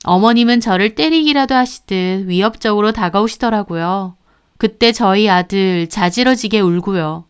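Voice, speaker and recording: A woman's voice: medium pitch, normal speed, smooth. A woman telling a personal story in first person, in a confiding way. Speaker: story narrator. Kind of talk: storytelling narration.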